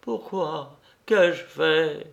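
A man's voice: on the high side, very slow, creaky, highs cut off, voice pushed up, full character voice. A man voicing a young man in anguish who is losing his mind, pleading and tearful.

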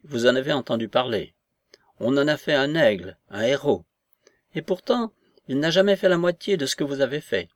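A man voicing an excitable, fanatical old aristocratic woman in a read-aloud novel. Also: fairly high pitch, no room sound, studio quality, pitched above the performer's own voice. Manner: agitated, exclaiming, insistent.

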